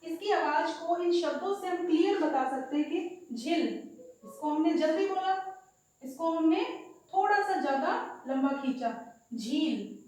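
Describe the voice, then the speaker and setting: A woman teacher giving a patient lesson, slowly explaining and repeating example words aloud. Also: very high voice, darkish tone. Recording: very echoey room.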